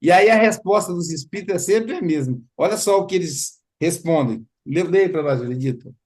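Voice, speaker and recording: A man's voice: fairly high pitch, brisk, slightly rough. A man hosting a study group, explaining in a casual teaching talk and livening it up with playful imitations. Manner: animated storytelling with playful imitations.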